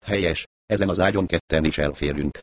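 A man's voice: low-pitched, dry recording. A man reading an audiobook, voicing a bossy, easily frightened young woman who scolds and gives orders. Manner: sharp, commanding, quick to scold. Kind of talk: audiobook character voice.

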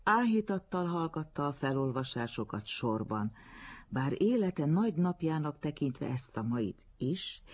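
Gravelly, husky male storyteller. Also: fairly high pitch. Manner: expressive storytelling reading. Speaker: narrator. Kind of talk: literary audiobook narration. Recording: dull lo-fi recording.

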